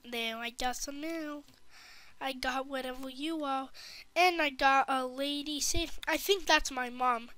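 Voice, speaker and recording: A woman's voice: high voice, measured pace, sharp tone. A woman giving casual, rambling commentary over her gameplay, often dropping to a whisper. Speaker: gaming video host.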